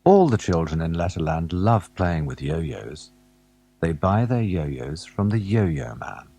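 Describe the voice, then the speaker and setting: A man narrating a children's alphabet storybook, gently asking the young listener questions as he goes. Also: low voice, sing-song, slow, a little hiss or hum.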